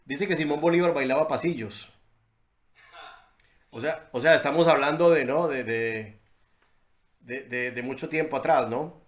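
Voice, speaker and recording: A man's voice: a little high, unhurried, long pauses. A Colombian man hosts the conversation and asks curious questions. He often hesitates and repeats small words while he looks for the next one. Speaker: interviewer. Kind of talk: conversational interview.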